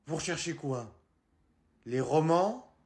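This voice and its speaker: A man's voice: fairly high pitch, animated, takes it slowly, a little mellow. A man playing a rude, impatient librarian in a comic sketch, snapping curt orders. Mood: irritated.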